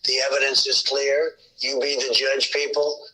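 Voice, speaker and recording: A man's voice: medium pitch, level tone, normal speed, rough recording. A man recorded in a casual voice note to a radio host, played back on air as a voice message, urging listeners to judge for themselves.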